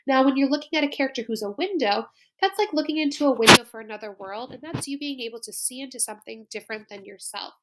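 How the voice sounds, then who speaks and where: A woman's voice: sits high, fast, heavy background noise. A woman school librarian narrating a slide presentation in an upbeat, explanatory way.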